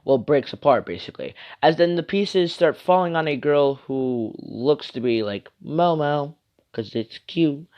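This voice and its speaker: A man's voice: on the high side, expressive, measured pace. A man reading an improvised fan story aloud, rambling with many asides and fillers. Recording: muffled lo-fi recording.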